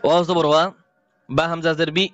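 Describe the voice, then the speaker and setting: A man teaching Quran reading to beginners, spelling out each letter and reciting the verses slowly and deliberately. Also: fairly high pitch, flat delivery, a bit bright, dry recording, dull audio.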